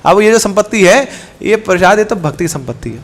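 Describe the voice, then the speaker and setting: A man preaching a devotional sermon, telling a story in an animated, conversational way and asking his listeners questions. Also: high-pitched, a little fast. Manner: animated, conversational, asks the audience.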